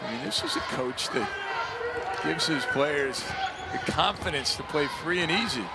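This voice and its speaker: A man's voice: a little high, lively intonation, moderate pace. A man giving chatty, folksy color commentary on a live basketball game. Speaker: color commentator, former coach. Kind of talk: conversational live basketball analysis. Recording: noisy arena, loud crowd behind.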